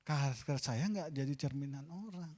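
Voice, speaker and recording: A man with an Indonesian accent preaching a sermon as pastor in a church, swinging between loud, mocking asides and quiet, confessional lines. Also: fairly high pitch, moderate pace. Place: church sanctuary. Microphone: pulpit microphone.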